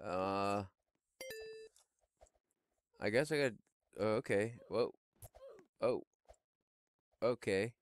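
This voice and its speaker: A middle-aged man doing Let's Play commentary on a headset mic in a small home room, exclaiming and shouting as he plays. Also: lowish voice, very slow, pauses often. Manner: excitable, exclaims and shouts while playing. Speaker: gaming YouTuber.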